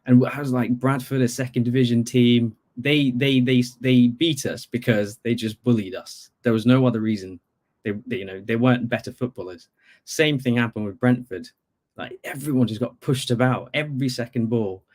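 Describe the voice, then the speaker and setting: A man from Bangladesh calls in to a podcast as a football fan, speaking in a mid-range, slightly mellow voice at normal speed. His casual sports chat is full of conversational asides.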